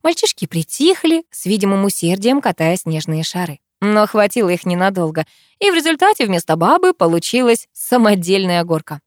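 Woman narrator, first-person audiobook, expressive reading, dry close sound. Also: mid-range voice, moderate pace, no echo.

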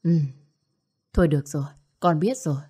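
A woman's voice: low voice, lively intonation, normal speed, dark tone, slightly rough. A woman voicing a meek grown son who placates his mother hesitantly. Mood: placating.

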